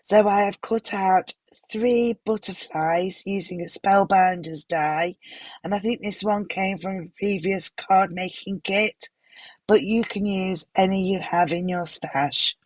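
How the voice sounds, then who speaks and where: A woman with a hoarse, unwell voice, gently narrating a craft tutorial voiceover with some apologetic pauses. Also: medium pitch, no echo. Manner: gentle, apologetic, stops for fillers. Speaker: card-making tutorial host.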